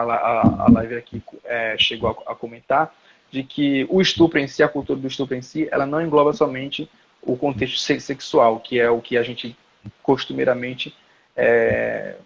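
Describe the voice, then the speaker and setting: Husky man giving an online lecture. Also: medium pitch, dull audio. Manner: explanatory, searching for words aloud. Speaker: professor.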